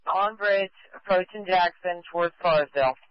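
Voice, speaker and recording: Police dispatcher: procedural, crisp delivery, repeats details back, muffled radio sound. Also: medium pitch, moderate pace, no room sound. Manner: clipped, procedural. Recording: dull lo-fi police radio audio.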